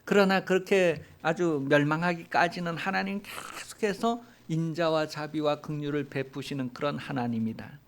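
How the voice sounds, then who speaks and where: A male pastor preaching a sermon and retelling a Bible story in a colloquial, animated way. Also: a little high, moderate pace, hardly any pauses.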